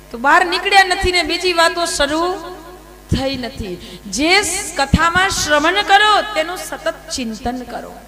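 A woman telling devotional scripture stories as a sermon, lively, with rhetorical questions and acted quotes. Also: a little high, long reverb tail, rough recording. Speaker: religious storyteller. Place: large hall at a temple event.

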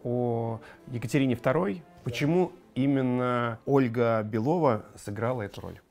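A man working as a TV interviewer who asks his questions in a calm, conversational way. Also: mid-range voice, moderate pace, faint music behind.

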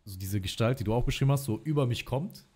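A man's voice: mid-range voice, fast, a little mellow, breathy edge. A man talking as a guest in a casual livestream chat, telling long personal stories in slangy, chatty speech and calling the host brother.

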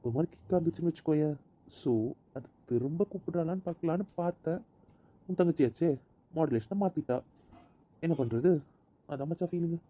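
A man's voice: a little high, fairly quick, long pauses, highs cut off, lightly acted. A man playing a bossy, teasing young husband in an amateur audio drama, speaking in a commanding, playful way.

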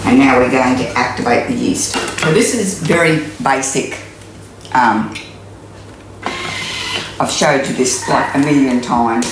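A woman's voice: extremely low pitch, a little slow, pauses often. A woman in her sixties with an Australian accent, giving a chatty, rambling cooking tutorial in her home kitchen, with plenty of ums. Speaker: cooking demonstrator. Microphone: camera mic from mid distance. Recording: roomy kitchen with steady noise.

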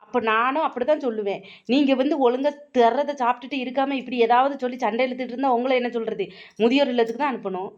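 A woman's voice: on the high side, muffled recording, close to an everyday voice. A woman voicing a defiant young daughter-in-law who retorts and mocks. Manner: retorting, mocking, fast talking. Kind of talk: cartoon voice acting.

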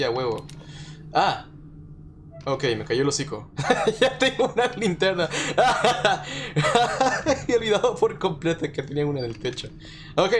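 A man's voice: medium pitch, a little hiss or hum. A man with a Mexican Spanish accent commentating a live horror game stream, jumpy, swearing and nervously repeating himself. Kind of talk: live let's-play commentary.

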